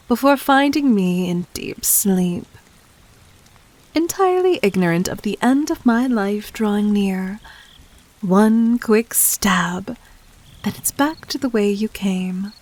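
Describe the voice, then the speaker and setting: In a mid-range, slightly mellow voice, a woman portrays a poised demon queen for an audio roleplay, sounding knowing and composed. Her formal address to the listener carries teasing condescension along with breathy, whispered touches.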